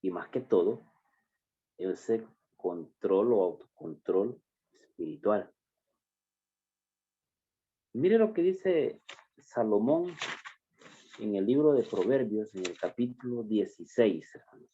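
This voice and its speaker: A man preaching a sermon, addressing the congregation as brothers and stressing phrases slowly and emphatically. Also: on the low side, very animated, dark tone, slightly rough. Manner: slow, emphatic preaching with drawn-out words. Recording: dull lo-fi recording.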